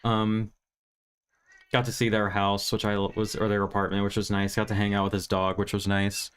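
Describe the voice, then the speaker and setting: Speaking at a moderate pace in a low-ish monotone, this American man from Virginia sounds clean and tired as he gets over stuffy sinuses. He hosts film reviews on a livestream, rambling candidly, poking fun at himself, and swearing now and then.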